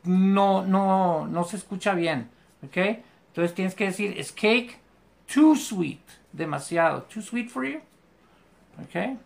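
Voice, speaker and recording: Slow, creaky teacher. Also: medium pitch, darkish tone. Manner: patient, repeats English examples slowly and carefully. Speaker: English teacher. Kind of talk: live online class. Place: home bedroom.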